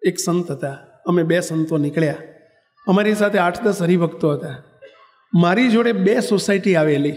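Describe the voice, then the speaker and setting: A monk delivers a sermon as an unhurried story, speaking in a notably high voice for a man. He speaks conversationally and stops to fix his own slips. He addresses his listeners directly as he tells it. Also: darkish tone, in a large hall. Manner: conversational, corrects himself mid-sentence. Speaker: monk and spiritual leader.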